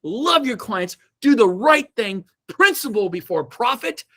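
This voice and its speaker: High-voiced, fired-up middle-aged man. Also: sing-song, unhurried. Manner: fired-up, emphatic, swings from shouts to low asides. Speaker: real estate team leader. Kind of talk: motivational coaching talk. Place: indoors, own room on a Zoom call. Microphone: video call.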